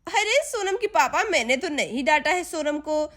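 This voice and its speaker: A patient, soft-spoken village mother with a very high voice, as a woman puts her on in a doll story. She speaks soothingly and kindly. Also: very animated, moderate pace. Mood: gentle.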